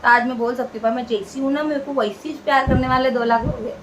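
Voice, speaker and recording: A woman's voice: high-pitched, steady tone, fast talker, slight background noise, low-quality recording. Earnest chatty woman. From India. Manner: earnest, chatty, repeats phrases for emphasis. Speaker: vlogger. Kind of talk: casual talk to camera.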